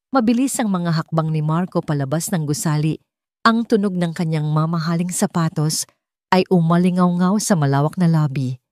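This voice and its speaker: With a deep, darkish voice and a Filipino accent, a woman reads a scripted dramatic story as an audiobook narrator. The sound is dry and clean, studio quality.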